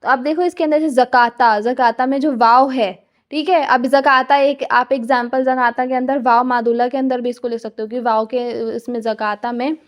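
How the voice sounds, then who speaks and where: A young woman lectures students in a high, bright-pitched voice. She explains each point patiently and keeps checking that everyone is following. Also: fairly even intonation, normal speed. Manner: patient, repeats "theek hai" to check understanding. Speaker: teacher.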